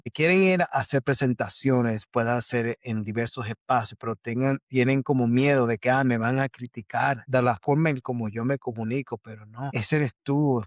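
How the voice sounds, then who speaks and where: A man's voice: mid-range voice, no echo, studio quality. A man hosting a conversational interview podcast, speaking hesitantly with frequent restarts and effusive thanks. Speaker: podcast host.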